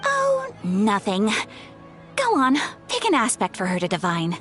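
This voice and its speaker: Polite young lady, hugely expressive pitch. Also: measured pace, soft background music. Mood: smoothly polite. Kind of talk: video game voice acting.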